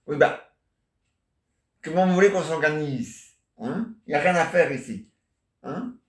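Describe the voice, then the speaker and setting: A man's voice: a little high, lively intonation, normal speed. A man doing a rambling improvised comic monologue, answering imagined listeners and tacking on questions. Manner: chatty, answers imagined listeners, constant "hein?" and "ah ouais". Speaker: amateur solo stage performer. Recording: echoey room.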